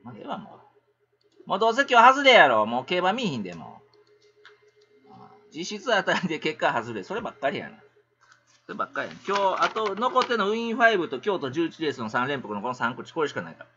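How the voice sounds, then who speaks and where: A middle-aged man with a Kansai accent, chatting on a casual livestream in an animated, rambling, ranting way. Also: fairly high pitch, fast talker, muffled recording, a little hiss or hum.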